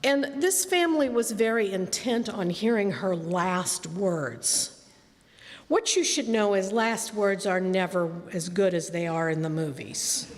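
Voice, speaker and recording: A woman's voice: medium pitch, expressive, measured pace. Wry woman telling a story in a hall. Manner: wry, dryly funny delivery. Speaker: nurse telling a story on stage. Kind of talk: live storytelling. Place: stage in a hall before a live audience. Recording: reverberant hall with faint room noise.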